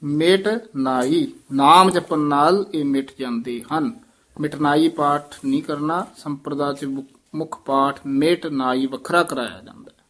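A man teaching careful recitation of scripture, slowly repeating phrases syllable by syllable to correct pronunciation. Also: a little high.

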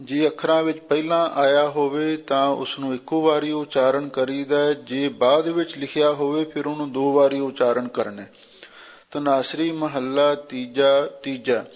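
A man explaining Sikh scripture verse by verse in a measured, repeating manner. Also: on the high side, fairly even intonation. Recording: muffled lo-fi recording.

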